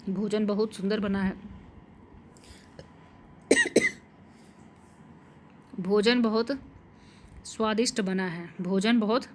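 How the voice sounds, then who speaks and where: A woman in a mid range gives a grammar lesson at a very unhurried pace. She repeats each word and sentence several times, spelling out vowel marks as if dictating to students. A faint noise sits under her voice. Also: medium pitch. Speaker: Hindi grammar teacher. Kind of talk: slow dictation-style lesson.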